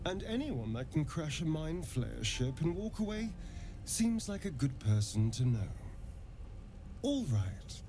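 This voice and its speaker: Astarion, a silky, mocking vampire. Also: male voice, a little high, sing-song, a little slow, background noise. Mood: sly. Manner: silky, mocking and theatrical, with soft laughs. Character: sly, charming young-looking vampire elf man.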